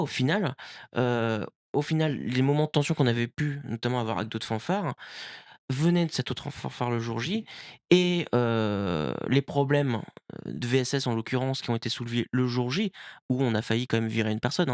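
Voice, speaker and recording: A man's voice: medium pitch, no echo, clean studio sound. A man talking casually on a podcast, hesitant, with many fillers and restarts. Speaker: event organizer on a podcast.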